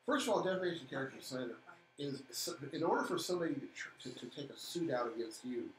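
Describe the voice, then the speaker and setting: A man co-hosting a local civic live stream, talking fast and heatedly, repeating words and turning sarcastic. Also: mid-range voice, animated. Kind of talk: impassioned casual talk. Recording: echoey room with faint background noise.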